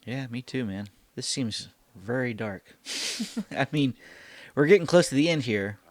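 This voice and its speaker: Over the music and dialogue of an old TV show playing in the background, a man gives loose, informal reactions for a video, talking back to what's on screen. His mid-range voice is expressive and unhurried, with no echo.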